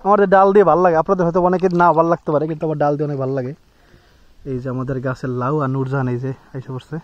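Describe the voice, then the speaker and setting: A man's voice: on the high side, flat delivery, racing, no echo, muffled recording. A young man chatting casually to viewers in a family vlog outdoors at a rural home, coaxing his small son along the way. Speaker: family vlogger.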